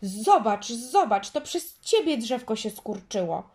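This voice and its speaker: An eager, proud little girl from a storybook, voiced by a woman reader. Her voice sits high above the reader's own and bubbles with excitement. She sounds like a child eager to show off her find. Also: unhurried. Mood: agitated.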